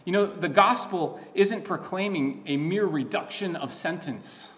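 A man's voice: sits high, a little slow, a bit bright. A man preaching a sermon as a pastor, teaching in an earnest, emphatic way with frequent restarts and asides.

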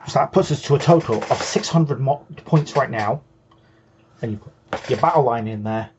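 A man's voice: mid-range voice, normal speed, a little mellow, dull audio, slight background noise. Man patiently explaining game rules. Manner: patient, explanatory, with frequent restarts. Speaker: co-host.

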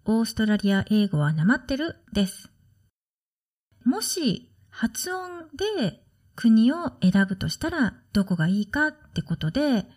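A woman who works as a study-abroad consultant, hosting her own podcast in a relaxed, chatty way and explaining with soft asides. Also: on the high side. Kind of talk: solo podcast talk.

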